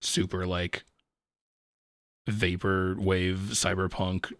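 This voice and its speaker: Male co-host, deep voice, loose rambling chat. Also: flat delivery, slow, no room sound. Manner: rambling, heavy use of "like". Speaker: podcast co-host. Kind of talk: casual chat.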